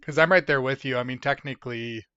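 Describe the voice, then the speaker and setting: A man's voice: mid-range voice, fast talker, pushed and bright, smooth, dry recording, lo-fi sound. A tired, sleepy man hosting a casual livestream, from the United States, rambling as he reads chat aloud. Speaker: livestream host.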